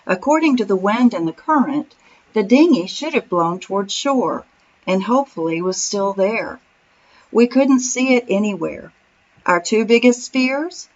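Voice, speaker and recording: A woman tells a scripted story as voice-over narration in an even, storytelling manner. Her pitch sits in the middle of the range. The recording sounds a little dull and lo-fi. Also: unhurried. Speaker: vlog narrator.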